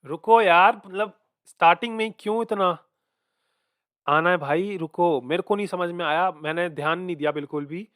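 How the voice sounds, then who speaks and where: A man's voice: high-pitched, normal speed. Chatty man breaking down rap lyrics. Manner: mixes Hindi and English, repeats lyrics aloud, thinks out loud. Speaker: music reaction host. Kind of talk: casual reaction breakdown.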